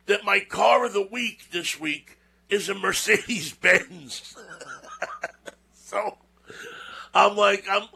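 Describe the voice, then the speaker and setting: A man's voice: high voice, sharp tone, breathy edge. A man hosting a show, telling a personal story in a casual, rambling monologue with folksy asides and repeated words. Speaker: show host.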